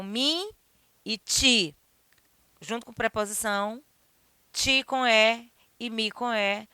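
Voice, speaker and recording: Woman teacher, somewhat high, crisp tone, didactic and checking in with students. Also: bright, forceful tone, dry recording. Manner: didactic, checks in with the class often. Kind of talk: recorded grammar lesson.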